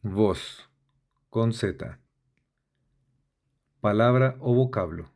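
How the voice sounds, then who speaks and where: A man with a fairly low voice reads a word list in an unhurried lesson style. He takes each entry slowly and deliberately, spelling out letters before giving the meaning. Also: creaky, darkish tone. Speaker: vocabulary instructor. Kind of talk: slow dictionary-style reading of a word list.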